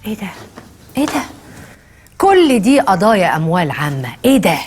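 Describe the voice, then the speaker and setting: Actress as an expressive Egyptian mother. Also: mid-range voice, fast talker, faint music behind, close to an everyday voice. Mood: indignant. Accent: Egyptian Arabic. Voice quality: expressive, swings from soft coaxing to tearful outbursts. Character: doting Egyptian mother, middle-aged, emotional. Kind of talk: TV drama acting.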